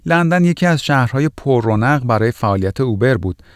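A man's voice: mid-range voice, expressive, smooth, no room sound, studio quality. A man presenting scripted news items as a podcast news reader.

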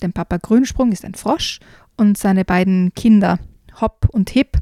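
A woman chatting about children's books and reading a story aloud as a lively storyteller. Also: medium pitch, unhurried, no echo, studio quality. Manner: lively storyteller, reads with character voices. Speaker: co-host presenting children's books. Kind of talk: casual chat and reading aloud.

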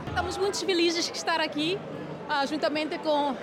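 A woman's voice: very high-pitched, steady tone, normal speed. A woman with a Timorese accent speaking hesitantly as a community stall representative at an outdoor festival. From Timor-Leste. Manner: hesitant, searching for words. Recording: loud music and crowd, outdoor festival.

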